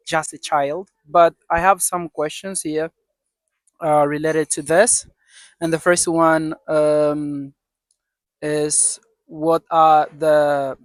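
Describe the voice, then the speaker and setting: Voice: mid-range voice, dry recording. A host asking interview questions in English, with short, encouraging replies.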